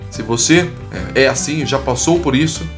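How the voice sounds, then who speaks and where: A man's voice: medium pitch, normal speed, music in the background. A man, hosting a teaching podcast on public speaking, coaxing the listener with repeated phrases and questions and reciting rhymed verse in a sing-song way.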